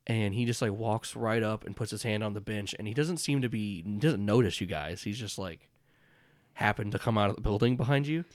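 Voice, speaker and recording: A man with a fairly low voice runs a tabletop game as its narrator. He improvises descriptions casually and haltingly, picking his way through each detail. The recording is dry and close. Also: dry recording. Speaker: game master and podcast host.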